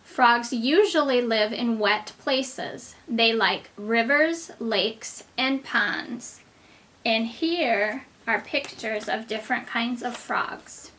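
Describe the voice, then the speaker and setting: Woman, teacher reading to small children, unhurried pace, brightly toned voice, simple child-directed phrasing. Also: a little high, slight background noise. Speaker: kindergarten teacher. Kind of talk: reading a children's book aloud to young children, with asides and questions.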